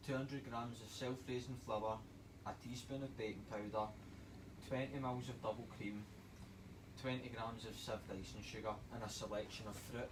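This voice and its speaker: A Scottish man, a chef, giving a relaxed, chatty cooking demonstration and reading out recipe steps. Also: medium pitch, background noise. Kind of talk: casual cooking demo on a livestream.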